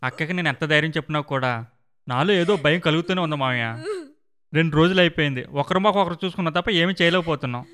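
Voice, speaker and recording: An actor playing a young man who briskly reassures his sister and takes charge. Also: on the high side, fairly bright tone, clear, resonant tone, natural voice. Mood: reassuring. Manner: fast, reassuring, take-charge.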